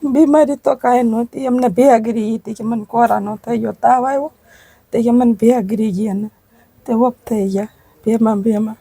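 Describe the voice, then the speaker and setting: A woman speaks through tears, halting and pleading. Her voice sits high but has a husky, mellow tone. The recording is close and dry. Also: fairly even intonation, no room sound. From Gujarat. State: crying. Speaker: interviewee, widowed mother. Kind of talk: emotional testimony.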